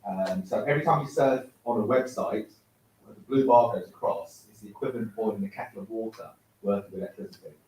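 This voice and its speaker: A man's voice: lowish voice, fast talker, a little mellow. A man giving a casual, chatty talk at an event, joking and using fillers. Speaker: event speaker. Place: university studio hall. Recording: echoey hall from far off, noisy.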